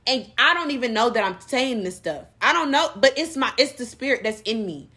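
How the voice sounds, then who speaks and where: A woman co-hosting a casual faith podcast, talking emphatically with quick asides. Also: a little high, expressive, sharp tone. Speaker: podcast co-host.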